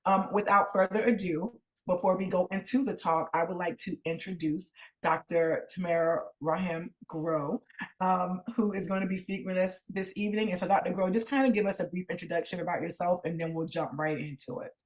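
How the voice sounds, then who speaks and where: A woman co-host with a slightly low voice speaks chattily on a video call. She keeps the talk friendly and flowing as she hands over to the others. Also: fairly even intonation, brisk, rough recording. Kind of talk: webinar hosting.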